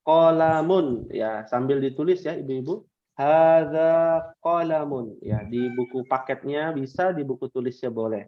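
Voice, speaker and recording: A man teaching an online language class to women, patiently drilling questions with drawn-out prompts and repeating the answers back. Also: medium pitch, lo-fi sound. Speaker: Arabic teacher.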